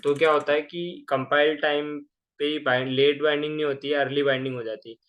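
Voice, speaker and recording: A man's voice: fairly high pitch, steady tone, fairly quick, a bit bright. A man giving a casual programming lecture, explaining step by step and often checking in with the listener. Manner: conversational, keeps asking "ठीक है ना?". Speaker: programming teacher. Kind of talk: casual screen-recorded coding lecture.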